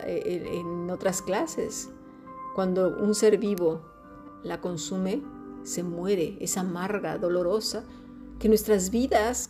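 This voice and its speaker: A woman's voice: medium pitch, dark tone. A woman teaching a Bible lesson in a podcast, earnest and exhorting, asking rhetorical questions.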